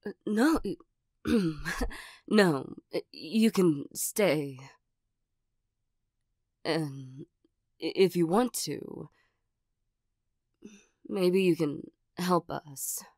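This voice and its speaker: A flustered cat girl, acted by a woman in a soft-spoken ASMR role-play. Her voice sits fairly low and she goes slowly, shy and hesitant, tripping over her words. The recording is dry and close. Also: no room sound, full character voice. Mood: flustered, nervous. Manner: hesitant, stammering, giggly. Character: flustered, shy, nervous female cat creature with claws.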